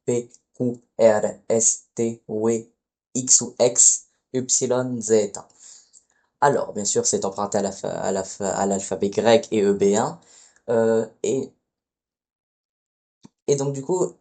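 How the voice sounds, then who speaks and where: A man's voice: mid-range voice, mellow. A man giving a casual spoken lesson as a teacher, hesitant and often correcting himself mid-phrase. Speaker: Latin teacher.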